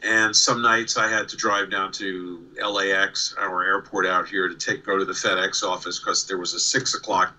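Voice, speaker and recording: Over a remote video call, a man in his sixties from New York shares casual stories as an interview guest, his faint New York accent showing through his many restarts and repeated words. He talks at a moderate pace with few pauses, in a deep, sharp voice that barely moves in pitch. The audio quality is poor.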